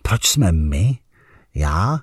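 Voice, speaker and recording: A man narrating a literary audiobook with a husky, low voice and a very lively melody. The sound is close and dry, and his first-person reading turns agitated and searching. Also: dry recording.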